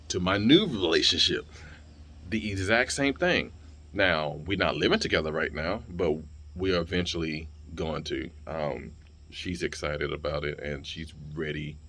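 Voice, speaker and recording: A man's voice: a bass voice, a bit bright, a little hiss or hum. A young man talking straight to camera in a casual vlog, blunt and heated, swearing freely and stumbling over repeated words. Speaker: vlogger and streamer.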